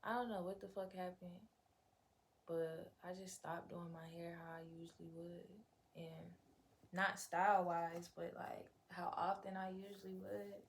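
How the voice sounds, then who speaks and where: Casting: young female vlogger, slightly low voice, loose rambling slangy chat with casual cursing, noticeable background noise. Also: flat delivery, measured pace. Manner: unfiltered, rambling, profanity-laced, slangy. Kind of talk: casual chatty vlog, talking to viewers. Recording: clear background noise, room ambience.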